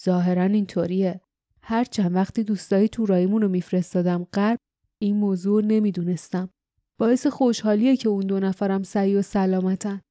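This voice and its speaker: A woman voicing an offhand male rebel leader in an audiobook, speaking briskly. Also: mid-range voice, fairly even intonation, mellow, no echo, studio quality, lightly acted. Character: older male resistance leader, cool and offhand.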